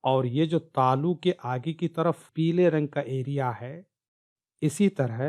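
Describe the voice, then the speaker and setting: A man teaching Quran pronunciation, explaining slides slowly and carefully and repeating key sounds. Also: mid-range voice. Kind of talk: explaining slides in a recorded lesson.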